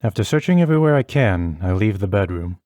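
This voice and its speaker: A man reading a horror visual novel aloud in steady first-person narration. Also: fairly low pitch, fast talker, dry recording. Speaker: let's play host. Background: faint game music.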